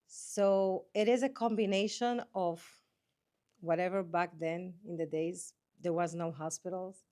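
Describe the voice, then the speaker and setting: Earnest interview guest, a woman, somewhat low voice. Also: steady tone, measured pace, dark tone. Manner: earnest, repeats and restarts phrases. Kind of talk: conversational interview.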